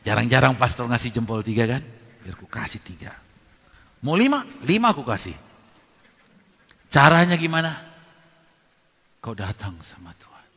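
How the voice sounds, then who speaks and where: A pastor preaching a sermon, swinging from loud emphatic bursts to low murmured asides as he addresses his congregation. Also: lively intonation, normal speed, pauses often, breathy edge. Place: church hall. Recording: long reverb of a large hall.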